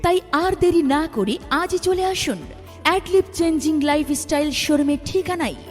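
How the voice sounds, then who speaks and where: A high-voiced woman calls out an advertisement in a loud, stretched loudspeaker style. Her words ring with a long, hall-like echo, and music plays faintly underneath. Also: lively intonation. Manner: loud, drawn-out announcing. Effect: echoing loudspeaker-style announcement sound. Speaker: advertisement announcer.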